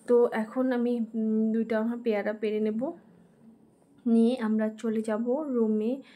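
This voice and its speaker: A woman's voice: a little high, warm tone. A young woman vlogger narrating casually to her viewers while walking outdoors, chatty and meandering with plenty of fillers. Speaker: vlogger, mother. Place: outdoors in a residential park.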